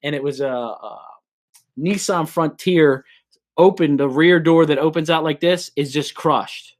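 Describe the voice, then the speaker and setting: A man's voice: a little high, unhurried. A man hosting a live show, chatting casually and telling work stories with many restarts. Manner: storytelling, relaxed, lots of restarts. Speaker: host.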